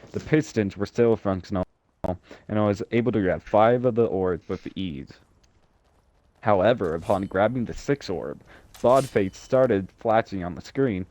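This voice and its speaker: A man's voice: lowish voice, darkish tone, no echo, lo-fi sound. A young man reading a horror story aloud with friends, stumbling over words and breaking into laughter and jokes. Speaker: co-host reading a creepypasta aloud. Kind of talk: casual group reading of a story.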